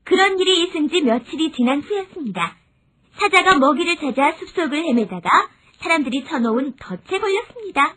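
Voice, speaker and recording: Female storyteller for children's fables, bright tone, wide expressive pitch. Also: a little fast.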